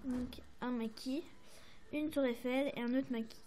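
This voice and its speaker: High-voiced French woman chatting about crafts. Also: fairly even intonation, measured pace, warm tone, a little hiss or hum. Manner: chatty, hesitant, many fillers and apologies. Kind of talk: casual show-and-tell to camera.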